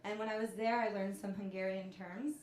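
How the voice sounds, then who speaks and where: A woman in her thirties doing a stand-up comedy set, telling stories in a deadpan way. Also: medium pitch, a little fast, a little hiss or hum. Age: 30s. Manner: deadpan storytelling with punchlines. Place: comedy club stage with laughing audience. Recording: echoey club room.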